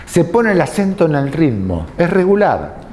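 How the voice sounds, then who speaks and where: A man giving a lecture, explaining slowly and deliberately and posing rhetorical questions to his listeners. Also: on the high side, huge pitch swings, a little mellow, slight background noise. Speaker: tango lecturer.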